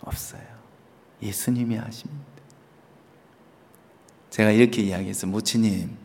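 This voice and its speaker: A man pastor preaching a sermon in a dramatic, emphatic way that swings between loud exclamations and whispers. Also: fairly high pitch, sing-song, unhurried, long reverb tail.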